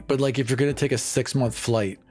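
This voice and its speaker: A man playing in a tabletop roleplaying show improvises in character, speaking conversationally over faint music. His medium-pitched voice is fairly quick, a little mellow, with fairly even intonation.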